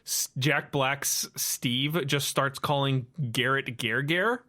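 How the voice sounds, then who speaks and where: A man's voice: medium pitch, level tone, takes it slowly, sharp tone. A man co-hosting a casual film review podcast, laughing often and acting out lines in silly voices. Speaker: podcast co-host.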